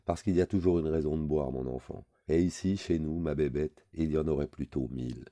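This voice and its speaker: A man's voice: a bass voice, a little fast, warm tone, no echo, studio quality. A man reading a novel aloud, voicing an aging drunk man who rants with weary, insulting words. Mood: boozy, mocking.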